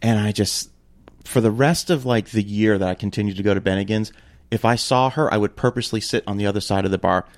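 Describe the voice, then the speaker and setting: A man telling a story in casual chat, animated and swearing freely, his pitch jumping when he gets worked up. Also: fast talker.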